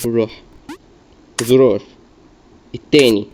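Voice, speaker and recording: A man's voice: mid-range voice, fairly even intonation, moderate pace, darkish tone. A young man with an Egyptian Arabic accent, commentating his gameplay as he mutters repeated self-coaching. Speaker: gamer. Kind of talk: gaming commentary. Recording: dull lo-fi mic, faint noise.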